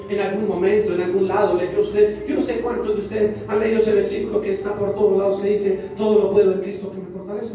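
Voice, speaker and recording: A man's voice: sits high, dark tone, a little hiss or hum. A man preaching a sermon to his congregation, repeating phrases for emphasis. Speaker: pastor. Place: church hall. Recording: very echoey church hall, voice from a distance.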